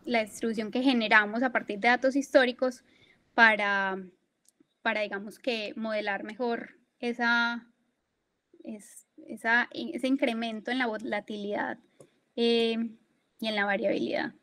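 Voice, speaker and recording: A woman's voice: fairly high pitch, fairly even intonation, a little slow, sharp tone. Young Colombian woman, fillers and restarts. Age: young adult. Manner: hesitant, many fillers and restarts. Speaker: guest, climate risk analyst. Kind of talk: conversational interview answers. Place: at work in Bermuda.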